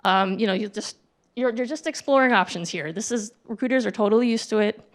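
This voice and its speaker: A woman's voice: medium pitch, fairly quick. A woman giving a casual, conversational talk at a tech meetup, acting out sample dialogue with frequent ums and restarts. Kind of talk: casual presentation to an audience. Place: meetup event venue.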